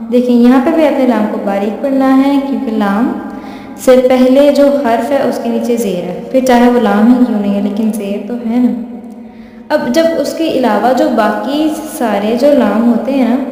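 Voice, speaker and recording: A woman with a fairly high, mellow voice teaches patiently, going over each rule again and checking that listeners follow. She slows right down and stretches out words when she recites examples. The recording is very echoey, with a long reverb tail like a bare hall. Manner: patient, repeats points and checks with "okay". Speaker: tajweed teacher. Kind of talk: explanatory lesson.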